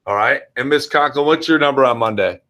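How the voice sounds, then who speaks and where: An American man with a very bright, forceful voice at a middle pitch hosts a school orientation. He takes questions informally and talks straight to parents and young children, checking in as he goes. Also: a little fast. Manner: addresses parents and children directly, checks in with frequent "all right". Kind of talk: informal question-and-answer presentation.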